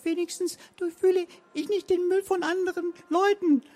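A meek, timid young woman, voiced by a male reader in an audiobook, speaks in a very high, thin and trembling voice. She stammers and quavers, sounding fragile and easily crushed. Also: steady tone, normal speed, a little mellow. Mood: shaky defiance.

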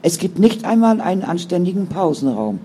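Guy doing a fed-up young mom ranting bitterly in a storybook, kinda high, dark tone. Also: lively intonation, moderate pace, slight background noise. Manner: indignant, bitter outbursts. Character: angry young woman, defiant sister and mother.

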